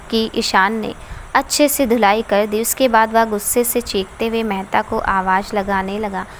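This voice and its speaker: A woman reading a dramatic family story aloud as the narrator, in a steady, dramatic reading voice. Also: medium pitch, slight background noise. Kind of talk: scripted narration.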